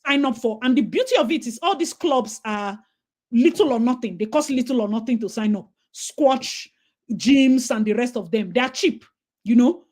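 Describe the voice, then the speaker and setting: A Nigerian woman hosts a casual chat at normal speed, her voice a little high. She tells stories animatedly in a Nigerian accent, slipping into pidgin along the way.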